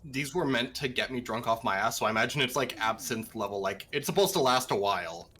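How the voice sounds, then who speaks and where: Guy player cracking jokes at the table, bright edgy voice, middle pitch. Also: expressive, breathy edge. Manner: quick jokey quips, laughing. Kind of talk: tabletop game banter.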